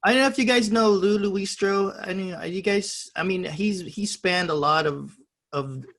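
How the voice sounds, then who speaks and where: A middle-aged man hosts an alumni panel over a video call, upbeat and quick to prompt others with questions. His voice sits somewhat high, with a gravelly fry, over a call connection. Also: fairly bright tone. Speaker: panel moderator. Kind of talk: casual moderating on a video call.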